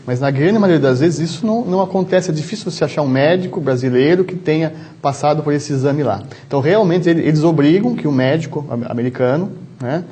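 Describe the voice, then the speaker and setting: Calm man with a São Paulo interior accent. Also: on the high side. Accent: São Paulo interior Brazilian Portuguese. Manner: measured, explanatory, many restarts and "né". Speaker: travel medicine doctor, guest. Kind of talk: interview answers.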